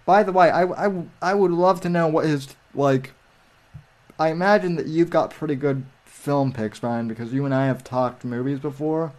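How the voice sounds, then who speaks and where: A man telling stories in casual livestream chat, rambling and halting with many restarts. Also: fairly high pitch, a little mellow.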